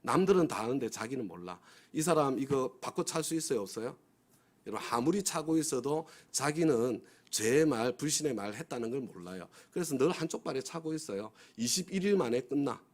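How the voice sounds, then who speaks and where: A man's voice: mid-range voice, lively intonation, brisk, a little mellow. A male pastor preaching a dawn prayer service sermon, often asking the congregation for agreement and acting out the inner voices of complaining people. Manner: has the congregation repeat phrases after him.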